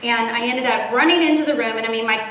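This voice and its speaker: A woman in her forties, a loud, animated speaker, telling a personal story at a church women's conference. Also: on the high side, quick pace. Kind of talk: storytelling sermon. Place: large hall at a church retreat. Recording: echoey hall, faint noise.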